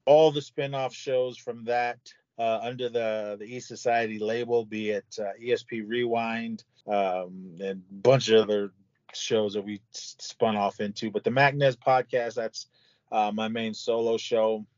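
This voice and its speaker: A man's voice: on the low side, level tone, measured pace, a little mellow, no room sound. An older man, a podcast guest, rambling casually with lots of fillers. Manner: rambling, filler-heavy plugs. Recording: dry, dull lo-fi audio.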